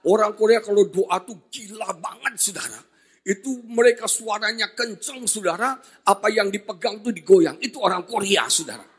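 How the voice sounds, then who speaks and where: A male pastor with a husky, high voice delivers a lively sermon. He jokes, shouts and keeps asking the congregation questions. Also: normal speed. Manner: energetic, jokey, often shouting, asks the congregation questions. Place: church hall.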